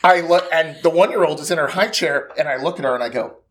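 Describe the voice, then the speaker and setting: A man in his thirties, a podcast cast member, telling animated stories and laughing often in a studio. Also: on the high side, quick pace. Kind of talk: casual chat.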